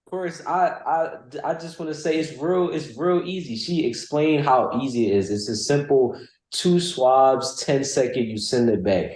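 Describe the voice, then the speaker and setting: A man on a talk show chatting casually, relaxed and affirming, stumbling a little as he starts. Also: mid-range voice, unhurried. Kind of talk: casual chat. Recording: roomy echo.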